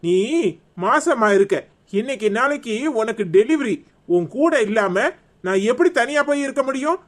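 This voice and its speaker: A man's voice: extremely high pitch, expressive, moderate pace. A man voicing a hot-tempered, insistent estranged husband in a cartoon comedy, speaking Tirunelveli Tamil in a pleading yet stern way.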